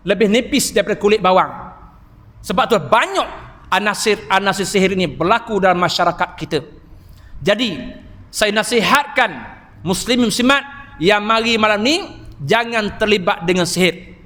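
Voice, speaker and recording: High-voiced preacher in a mosque. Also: male voice, moderate pace. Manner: animated storytelling, emphatic exclamations. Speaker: Islamic preacher and healer. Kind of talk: evening mosque sermon. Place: large mosque. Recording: reverberant mosque hall.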